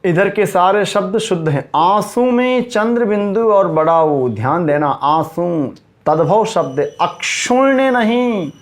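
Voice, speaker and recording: In a high-pitched voice full of lively intonation, a grammar teacher talks directly to his class. He asks questions and answers them himself, stressing each correct word form and repeating it slowly and emphatically.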